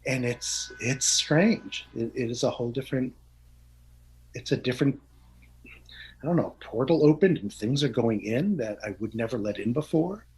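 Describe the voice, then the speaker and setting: This middle-aged interview guest has a medium-pitched, darkish voice with lively intonation and a moderate pace, heard through a rough recording. In a reflective, conversational exchange he speaks with openness and sincerity, frequently laughing and starting his sentences over.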